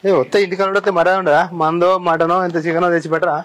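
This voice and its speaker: Entitled son played by a man, Telangana accent, fast gruff grumble; village drama. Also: high-pitched, fairly even intonation, a bit bright, slight background noise. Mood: grumbling. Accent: Telangana Telugu. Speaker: actor.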